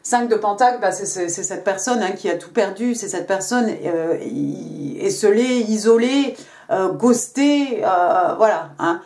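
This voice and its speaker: A woman's voice: mid-range voice, animated, a little slow, darkish tone. A woman giving a casual tarot reading, talking chattily with many fillers and little tag words. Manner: chatty, many fillers and "hein" tags, switches to English card text. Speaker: tarot card reader.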